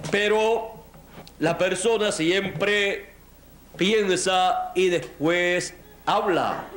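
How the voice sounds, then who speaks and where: A man preaching a sermon in slow, emphatic, measured phrases, with a Latin American Spanish accent. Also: sits high, fairly bright tone, reverberant, a little hiss or hum.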